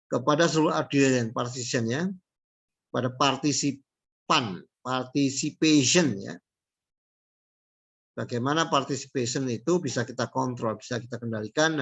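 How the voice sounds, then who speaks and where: A middle-aged man giving a casual spoken lecture, reading out English terms slowly and then restating them. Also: mid-range voice, vocal fry, breathy edge. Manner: relaxed, repeats points and reads out English terms slowly.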